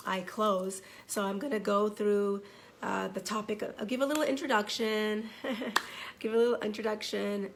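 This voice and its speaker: Hoarse woman coaching on a livestream. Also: mid-range voice. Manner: warm, greets viewers by name, many fillers. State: hoarse from a cold. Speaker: divorce coach. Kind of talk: live-streamed coaching talk.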